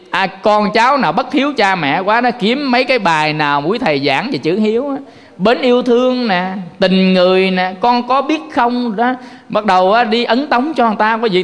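A man's voice: high-pitched, a bit bright. A man preaches a homely Buddhist sermon. He talks in a chatty way and keeps turning to his listeners. His voice rings out with a long hall reverb. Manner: conversational, keeps addressing listeners directly. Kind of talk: folksy sermon.

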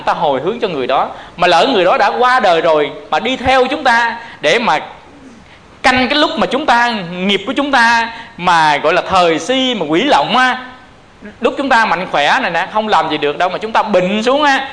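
A man's voice: high-pitched, fairly bright tone. A male Buddhist preacher telling stories in a sermon and addressing the audience directly. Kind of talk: sermon storytelling.

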